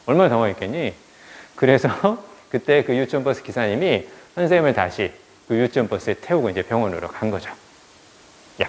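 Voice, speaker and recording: A man's voice: mid-range voice, in a large hall. A male teacher telling a childhood story in a lecture, acting out the people he quotes. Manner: animated, acts out quoted voices. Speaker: English teacher.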